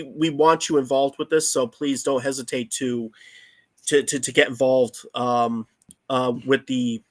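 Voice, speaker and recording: A male podcast host wrapping up an episode. He talks casually and haltingly, repeating words and leaning on fillers, in a mid-range voice. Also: medium pitch. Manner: halting, many restarts and fillers. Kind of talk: casual show sign-off.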